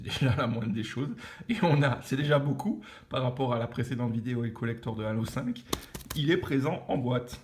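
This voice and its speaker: A man's voice: mid-range voice, darkish tone. A young man with an Alsatian French accent, hosting a casual unboxing video and chatting with lots of fillers and self-corrections. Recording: echoey room with faint noise.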